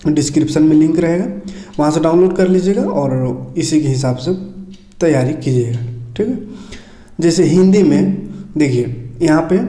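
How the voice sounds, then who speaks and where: A man teaching a lesson, his voice set a little high but mellow and warm in tone. He takes each point in turn, stopping often to check that students are following. The recording has the noticeable echo of a bare room. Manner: explains item by item, repeats checks and tags. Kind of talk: casual screen-share lesson walkthrough. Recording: echoey room.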